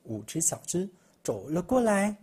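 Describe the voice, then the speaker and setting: A man from Malaysia narrating a children's picture book, expressive storytelling. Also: sits high, moderate pace, heavy background noise.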